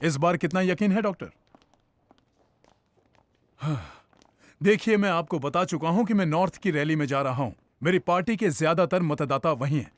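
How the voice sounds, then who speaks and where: An actor dubbing a cautious male politician who speaks in a guarded, measured way about a risky decision. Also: fairly high pitch, no echo, natural voice. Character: cautious male politician weighing his career. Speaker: dubbed film character, prime minister. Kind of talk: Hindi film dub acting.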